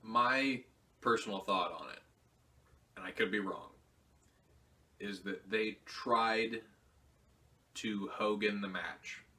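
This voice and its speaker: A man co-hosting a casual wrestling chat, opinionated and quick with asides. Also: on the low side, fairly even intonation, bright, forceful tone. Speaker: podcast co-host. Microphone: phone or tablet. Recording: distant phone recording.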